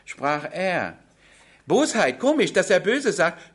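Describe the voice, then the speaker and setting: A man's voice: high-pitched, sing-song, slow pace. A man preaching a sermon, speaking to his congregation and asking them frequent rhetorical questions.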